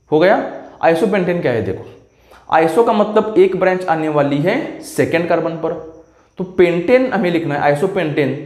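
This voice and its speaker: A man's voice: fairly high pitch, darkish tone. A man teaching chemistry in a classroom lecture, explaining step by step and often asking if the students follow. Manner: explains step by step, keeps checking "clear?" with students. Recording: echoey room.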